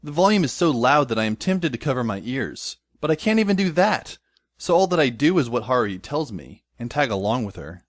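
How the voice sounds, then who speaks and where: In a dry recording with no room sound, a man with a medium-pitched, sing-song voice speaks briskly. He plays a wry, sardonic teenage schoolboy narrating his own adventure in descriptive first-person audio drama style.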